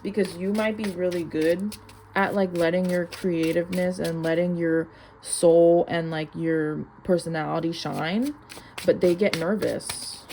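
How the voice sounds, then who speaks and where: A woman's voice: on the low side, steady tone, a little slow, dark tone. Young woman giving a chatty mystical tarot reading, noisy recording. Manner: chatty, informal mystical card interpreter with heavy use of "like". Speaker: tarot card reader. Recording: clear background noise.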